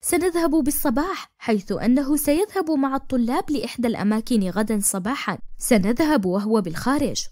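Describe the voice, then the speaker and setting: A woman's voice: fairly high pitch, expressive, brisk, few pauses, a little mellow, no echo, clean studio sound, natural voice. A woman reading the lines of a frightened young woman in a told story, in an anxious, insistent tone.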